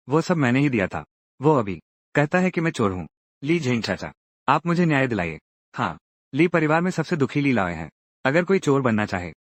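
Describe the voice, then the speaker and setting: A man's voice: mid-range voice, dry recording. A man narrating a drama recap and voicing every character's lines himself, acting each one out in turn.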